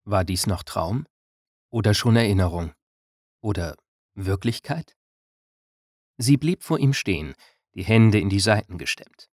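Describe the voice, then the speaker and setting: A man narrating a German-language novel as an audiobook in a calm, measured way. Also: lowish voice, dry recording, studio quality.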